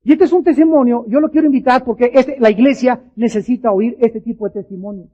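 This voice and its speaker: A woman's voice: fairly high pitch, quick pace. A woman preaching a sermon, emphatic and repeating words for stress. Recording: dull lo-fi archive recording.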